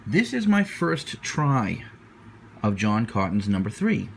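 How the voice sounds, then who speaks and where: A man's voice: on the low side, very animated, takes it slowly, vocal fry. Man giving a casual review over background noise. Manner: hesitant, searching for words, repeating himself. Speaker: pipe tobacco reviewer. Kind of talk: casual unscripted product review.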